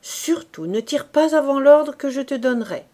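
A woman voicing a gruff, blunt male corporal who barks orders in a raised voice. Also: on the high side, expressive, moderate pace, a little mellow, close to an everyday voice. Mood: commanding.

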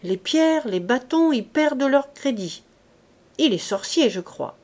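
A woman's voice: high voice, animated, a little slow, darkish tone, voice pushed up. A woman voicing a fretful peasant gardener who complains in a raised voice. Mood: complaining.

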